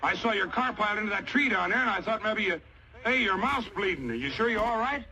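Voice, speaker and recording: A man playing a gruff but friendly small-town cop who sounds concerned, in an old film. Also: high voice, animated, fast, noisy background. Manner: brusque, then concerned.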